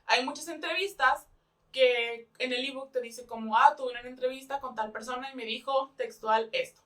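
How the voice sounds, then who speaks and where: A woman's voice: sits high, normal speed, pushed and bright, distant mic. A young woman with a Mexican accent in a casual book review chat, talking in a chatty way, often laughing and rephrasing herself.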